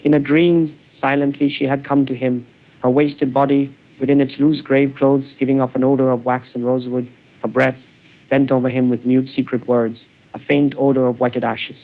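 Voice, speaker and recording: A cloned synthetic man's voice reading literary prose in a measured, brooding way, heard through a narrow phone-like band. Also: mid-range voice, level tone.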